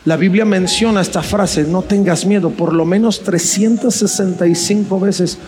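A man's voice: high voice, normal speed, a little mellow. A man preaching a sermon with passion, asking rhetorical questions and repeating key phrases. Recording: faint music behind.

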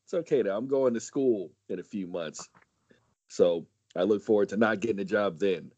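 At a normal speed, a podcast guest in his late thirties from San Diego chats casually, swearing without restraint and rising sharply in pitch when worked up. There's no room sound, and the audio is dull.

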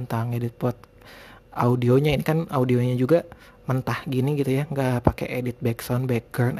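A man's voice: medium pitch, a little mellow. An Indonesian man hosting a solo podcast in casual, rambling chat, often searching for words, with a lisp on his r sounds. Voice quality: lisped r sounds. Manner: informal, rambling, hesitant word-searching. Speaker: podcast host.

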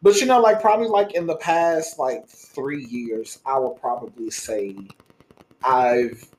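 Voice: medium pitch, a little slow, darkish tone. A podcast host in casual chat, talking candidly and bluntly with frequent swearing. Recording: roomy echo.

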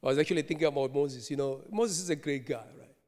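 A man preaching a sermon, telling a story with lively asides and frequent laughter. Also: a little high, quick pace. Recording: long hall reverb.

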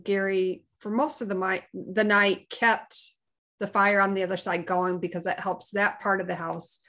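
A woman co-hosting a morning livestream, chatting casually in a reflective, halting way. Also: medium pitch, little pitch movement, bright, forceful tone. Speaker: co-host of a sisters' morning livestream. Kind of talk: casual chat.

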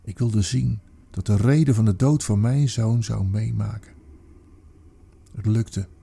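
A man performing an intense dramatic monologue, with slow deliberate pauses and emphatic stresses. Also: on the low side. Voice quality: gravelly, husky, dark. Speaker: narrator.

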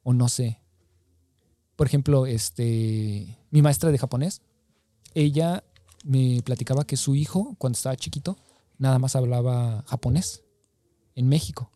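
A man, a podcast co-host speaking calmly in a measured, soft-spoken way. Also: mid-range voice, no echo. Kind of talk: casual podcast chat.

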